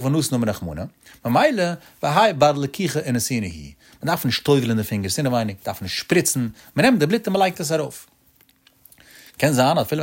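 A man teaches a Talmud passage in the traditional chanting style. His voice sits at an ordinary middle pitch and swings up emphatically on key points. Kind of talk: traditional Talmud study lecture.

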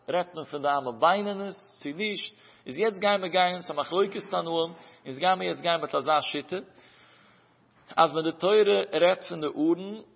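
A man giving a Talmud study lesson in a chanting singsong cadence, his pitch rising and falling through each phrase. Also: vocal fry, husky. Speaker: Talmud teacher. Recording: muffled, dull recording with long hall reverb.

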